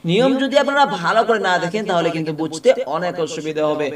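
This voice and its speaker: Male recitation teacher, high-pitched, spells words out letter by letter and drills them; recorded in an echoey room a little away from the mic. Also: lively intonation, far from the mic. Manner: asks questions and answers them himself; chants the verses slowly. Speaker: Quran reading teacher.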